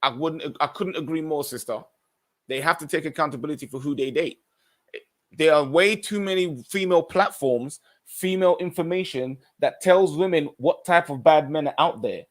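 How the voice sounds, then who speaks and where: A man with a fairly high voice hosts a podcast at a moderate pace, reading viewer comments and offering earnest, opinionated responses. Now and then he restarts as he reads.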